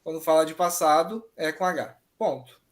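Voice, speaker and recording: A man's voice: on the high side, normal speed. A man teaching an online exam-prep grammar lesson, patiently explaining and often checking that students follow.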